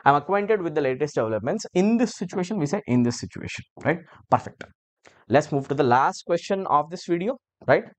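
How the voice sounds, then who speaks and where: Man, English teacher, exam answer walkthrough, very expressive pitch, code-switching. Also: very slow. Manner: animated, mixes Telugu with English, keeps asking "right?". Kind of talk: exam answer-key lesson.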